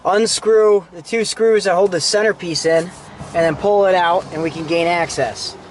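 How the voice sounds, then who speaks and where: Working inside a Jeep with a handheld camera, a DIY car vlogger narrates a casual how-to at a moderate pace. His voice is high-pitched, there's slight background noise, and he talks informally while doing the work.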